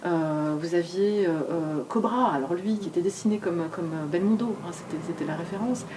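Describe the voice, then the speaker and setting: Hesitant woman with a dark voice. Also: lowish voice, normal speed. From grew up in Argentina and France. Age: 40s. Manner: hesitant, many fillers and restarts. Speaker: comic artist guest at a bookshop talk. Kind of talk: public author talk. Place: bookshop event. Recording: distant mic, faint room noise.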